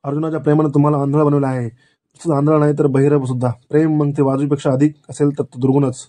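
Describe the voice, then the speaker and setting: A man's voice: a little high, level tone, quick pace, dark tone, lightly acted. A man reading a stern aged grandsire. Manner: grave, commanding.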